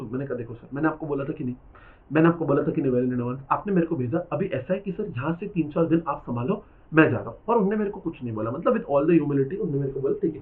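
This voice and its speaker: Young male exam tutor, quick and a bit high, teasing class banter, thin phone-like recording. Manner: teasing, chatty, switches into English phrases. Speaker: accounting exam lecturer. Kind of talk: classroom lecture with storytelling. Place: classroom with students. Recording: tinny phone-like lecture recording.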